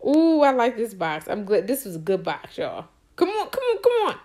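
A young adult woman runs a gaming channel and commentates her play excitedly, squealing, gasping and coaxing the game aloud with cheers. Her slightly high, somewhat mellow voice swings hugely in pitch at a normal speed.

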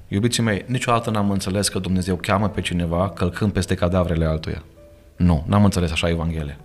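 A man with a Romanian accent speaking as a pastor in a podcast conversation, earnest and emphatic, quoting scripture as he talks. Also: low voice. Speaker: pastor and guest. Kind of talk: podcast conversation, preaching manner. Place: studio.

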